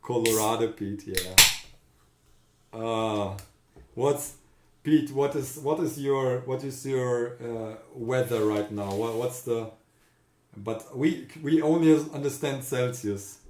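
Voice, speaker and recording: A man with a Central European accent hosting a casual live stream, greeting chat viewers by name and talking haltingly with fillers. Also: mid-range voice, mellow, reverberant. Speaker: livestream host.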